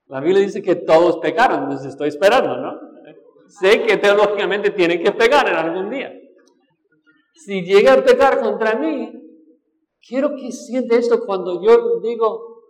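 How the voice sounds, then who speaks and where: High-voiced man preaching in an echoey hall. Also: normal speed. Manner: asks the congregation questions, acts out quoted voices. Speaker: pastor. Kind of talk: sermon. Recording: echoey hall with long reverb.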